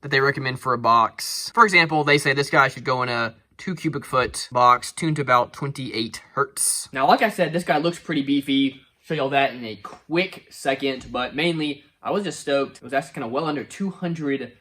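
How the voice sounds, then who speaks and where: Man, car audio reviewer, excited, folksy, chatty vlog. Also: medium pitch, normal speed, hardly any pauses. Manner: excited, folksy, says "y'all" and "guys" a lot. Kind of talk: enthusiastic product review vlog.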